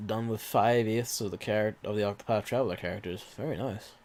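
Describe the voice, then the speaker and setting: A man's voice: lowish voice, fairly even intonation, brisk, noisy background. A man with an irritated throat and a cough, rambling through casual let's-play commentary with offhand swearing and muttered asides. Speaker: gaming video host.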